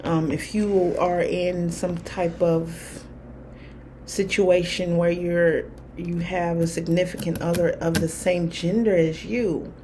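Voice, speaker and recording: Candid rambling woman, low voice. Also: level tone, takes it slowly, warm tone, slight background noise. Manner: candid, rambling, with frequent fillers and laughs. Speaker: spiritual vlogger. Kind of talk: casual personal talk to camera.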